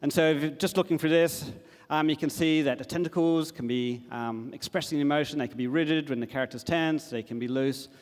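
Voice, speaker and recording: A middle-aged man talks from a conference stage, casual and enthusiastic, with fillers sprinkled in. His voice sits a touch high for a man. The sound carries a long reverb from a large hall. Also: fairly quick. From Australia. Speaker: conference speaker. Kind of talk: conference talk.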